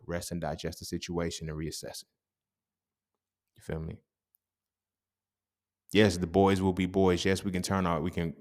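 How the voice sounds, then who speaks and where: Low-voiced man in a profane, emphatic monologue. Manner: profane, emphatic, keeps asking "you feel me?". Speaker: podcast host. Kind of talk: casual motivational monologue.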